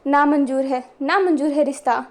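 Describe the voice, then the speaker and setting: Woman voicing an angry strict father, high-pitched. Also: moderate pace. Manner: indignant, exclaiming.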